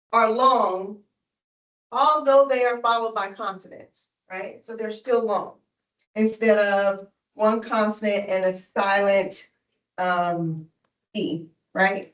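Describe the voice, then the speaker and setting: A woman's voice: medium pitch, fairly bright tone, echoey room, far from the mic, low-quality recording. A woman tutoring a student in phonics, patient and encouraging, often checking in with "right?". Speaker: reading tutor. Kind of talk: one-on-one phonics lesson.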